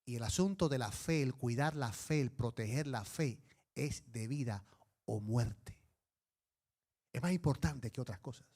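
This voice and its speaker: A male pastor preaching a sermon, telling stories with emphatic, animated delivery. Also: mid-range voice, measured pace.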